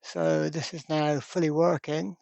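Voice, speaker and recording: In this informal workbench demo, a hobbyist presenter narrates an electronics repair step by step, thinking out loud. The voice is medium-pitched, creaky, and mellow, holding a level tone at a measured pace.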